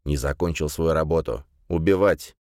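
A man voicing a calm, enigmatic police commissioner who speaks softly and unhurriedly. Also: a bass voice, moderate pace, no room sound, clean studio sound, pitched below the performer's own voice.

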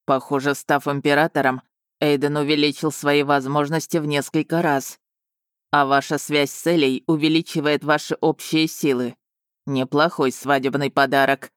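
A woman's voice: low-pitched, flat delivery, moderate pace, smooth, no echo, clean studio sound, pitched below the performer's own voice, lightly acted. A woman voicing a sly, mocking male courtier who teases with a drawl. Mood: musing. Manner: teasing and drawling.

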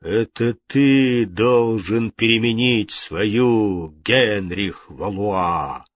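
A man voicing a solemn ghostly voice that speaks slowly and gravely. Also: lowish voice. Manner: slow, grave, pronouncing. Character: solemn ghostly male voice from the dark.

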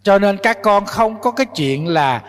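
A man's voice: high voice, animated, measured pace, fairly bright tone, big-room sound. A male Buddhist monk giving a dharma talk to young followers, scolding and urging them on with rhetorical questions.

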